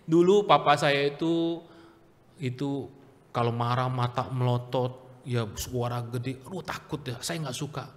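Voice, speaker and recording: Lively pastor in a reverberant church. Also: male voice, mid-range voice, measured pace. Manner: lively, swings between loud calls and soft asides; asks the congregation questions. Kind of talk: sermon. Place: church hall.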